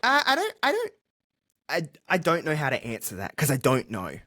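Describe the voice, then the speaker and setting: An Australian man, a podcast guest, talks candidly in a casual interview, joking and poking fun at himself. His fairly high voice swoops wildly in pitch, sounding pushed and bright at a moderate pace.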